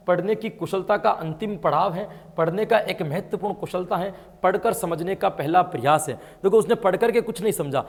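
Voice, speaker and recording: A man teaching an exam-prep lesson, explaining answers and asking his students questions as he goes. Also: sits high. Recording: long hall reverb.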